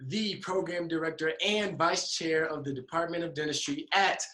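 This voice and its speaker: Polite young-sounding interviewer, slightly high voice. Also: male voice, steady tone, normal speed, sharp tone. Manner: friendly and polite, asks questions. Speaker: co-host interviewer.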